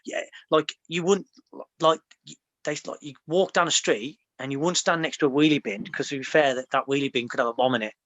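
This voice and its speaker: A man's voice: fairly high pitch, moderate pace, a bit bright, dry recording, highs cut off. An English man in his young adult years, a former soldier, telling stories in casual podcast chat, rambling with lots of fillers and restarts.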